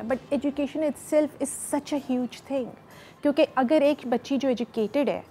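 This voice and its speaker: Measured Pakistani woman psychologist. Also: high voice, warm tone, a little hiss or hum. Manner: measured, explanatory, mixes English phrases into Urdu. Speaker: psychologist guest. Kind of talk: studio interview. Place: TV studio.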